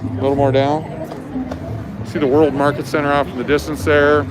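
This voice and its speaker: A man hosts a casual walking livestream at night on busy city sidewalks, speaking into a handheld camera or phone beside the traffic. His voice is on the high side with a flat delivery at normal speed, and street traffic and live music can be heard behind him.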